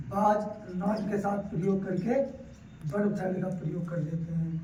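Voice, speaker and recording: Repeating key phrases to drive points home, a North Indian-accented man gives an explanatory grammar lesson in a classroom. His voice is high-pitched yet mellow, and the recording has roomy echo, faint noise, and a distant mic.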